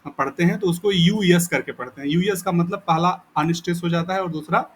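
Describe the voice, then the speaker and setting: Man lecturing in a patient, measured way. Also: sits high, a little hiss or hum. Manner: explains slowly in Hindi, reads English definitions aloud haltingly with pauses. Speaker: teacher. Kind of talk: recorded lecture.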